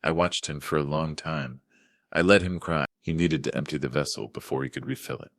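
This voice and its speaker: An older man narrating a first-person family drama story in a steady, measured way. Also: very deep voice, dry recording, clean studio sound.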